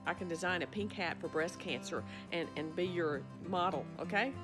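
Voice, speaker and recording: A woman's voice: on the low side, normal speed, music in the background. A middle-aged woman, talking casually to her phone camera in a small indoor office. She speaks in a folksy, rambling way, often restarting or trailing off. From Arkansas. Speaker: vlogger, physician and farmer. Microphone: phone camera up close.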